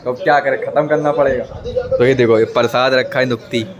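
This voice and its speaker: This clip has a muffled sound and crowd noise in the background. A young man, a family vlogger, talks a little fast in a medium-pitched, fairly even voice, teasing and chatting to his phone camera indoors at home and often addressing his viewers.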